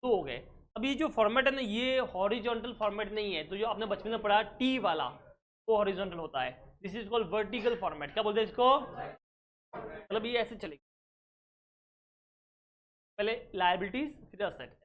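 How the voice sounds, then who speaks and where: A man's voice: high voice, normal speed, pauses often, a bit bright. Accounting teacher, male, lecture style, fires rhetorical check questions, drops in English terms. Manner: keeps asking the class rhetorical check questions; mixes English terms into his explanation. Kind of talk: recorded exam-prep lecture.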